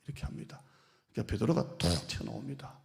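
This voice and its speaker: Male pastor with a gravelly voice, lively sermon, acts out quotes, big hall echo. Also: medium pitch, quick pace. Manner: lively, playful, acts out quoted speech and teases the congregation. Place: church sanctuary. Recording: long hall reverb.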